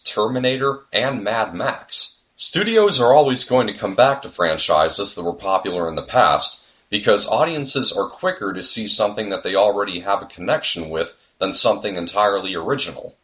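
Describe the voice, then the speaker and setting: A man's voice: lowish voice, a bit bright. A young man narrating a scripted video essay, earnest and reflective, with the odd sudden comic outburst.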